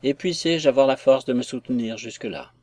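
A man voicing a shy, tender young gentlewoman who answers softly and with some hesitation. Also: mid-range voice, brisk, dry recording, lightly acted. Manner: soft, hesitant replies.

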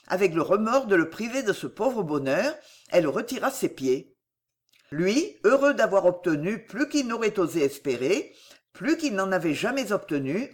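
A storyteller reads a classic novel aloud with an expressive, lively delivery. The pitch is mid-range and moves a lot from phrase to phrase. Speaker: audiobook reader. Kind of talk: scripted narration of a classic novel.

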